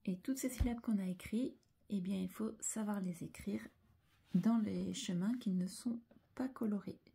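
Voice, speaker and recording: Slow, husky woman teacher sounding out syllables. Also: mid-range voice, mellow. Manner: slow, careful, sounds out each letter and syllable. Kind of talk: handwriting lesson for young children.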